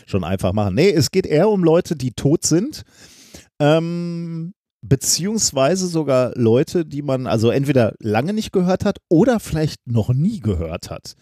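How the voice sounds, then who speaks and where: A man's voice: on the high side, sing-song, a little slow, dark tone, no echo, studio quality. A man co-hosting a science podcast, explaining at length in a casual way with plenty of ums and tag questions. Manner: long explanations with many filler sounds and tag questions. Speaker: podcast co-host presenting a science story.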